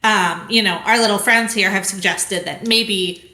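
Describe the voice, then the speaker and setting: A woman's voice: mid-range voice, fairly even intonation, a little slow, sharp tone, roomy sound. A woman voicing a sly cat-folk carnival worker, coaxing and hesitant with many fillers.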